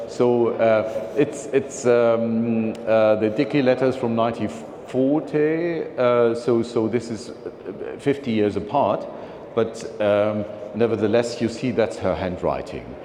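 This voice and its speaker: At a philatelic society meeting, a man with a medium-pitched, dark-toned voice presents slides to an audience, speaking haltingly with many fillers and restarts and calling for the next slide. He uses a handheld or lapel mic in a meeting hall, and the recording is echoey and noisy.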